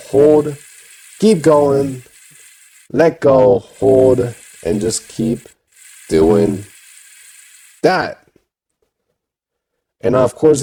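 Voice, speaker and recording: A man's voice: mid-range voice, warm tone, husky. A man talking through a voice changer, giving a casual step-by-step game tutorial. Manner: plain instructing with filler "you know".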